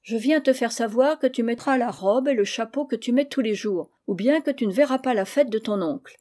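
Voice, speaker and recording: An anxious, tender young mother, earnest and quick to lose heart, voiced by a woman reader. She sounds warm and mellow, holding firm in a storybook tale. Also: a little high, lightly acted. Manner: earnest and worried, firm with her child. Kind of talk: audiobook reading of a classic novel.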